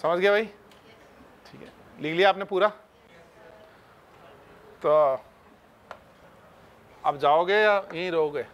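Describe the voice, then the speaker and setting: This chemistry teacher's voice sits high, and he speaks slowly with frequent pauses, chatting casually with his students as though they were friends. The audio has its highs cut off and carries a slight hiss or hum.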